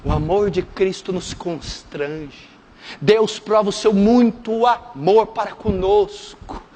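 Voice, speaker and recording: High-voiced fervent man preaching in a reverberant church. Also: slow, a little hiss or hum. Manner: swings from hushed intimate lows to shouted fervent climaxes. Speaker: pastor. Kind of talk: sermon. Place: church sanctuary. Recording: long hall reverb.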